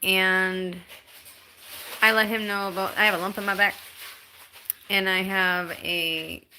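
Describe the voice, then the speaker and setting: A woman in her thirties talks casually to her phone live-stream viewers from home, reading their comments aloud. Her bright, clear voice is medium-pitched and level in tone, and she speaks haltingly with ums and restarts. The low-quality recording has a slight hiss or hum.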